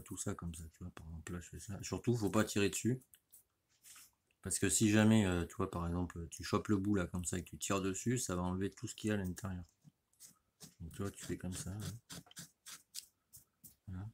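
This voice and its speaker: A middle-aged man with a deep, low voice gives a loose, slangy walk-through as he works on an engine in his garage. He rambles, restarts phrases and keeps checking in with the listener. Faint clicks and tool noises sit in the background. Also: fairly even intonation, moderate pace, long pauses, slight background noise. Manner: rambling and slangy, saying "tu vois" constantly. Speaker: motorcycle mechanic. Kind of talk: casual workshop how-to talk.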